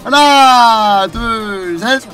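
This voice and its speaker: A man's voice: very high-pitched, drawn-out words, bright, forceful tone. A man hosting an online gaming quiz like a game show host, prompting players and counting down over music. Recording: music behind the voice.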